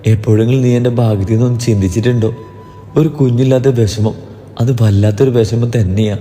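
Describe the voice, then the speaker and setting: A man voicing a remorseful young woman who pleads softly in a read-aloud story. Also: mid-range voice, lively intonation, brisk, reverberant, long reverb tail, soft background music, lightly acted. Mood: pleading. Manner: pleading, soft.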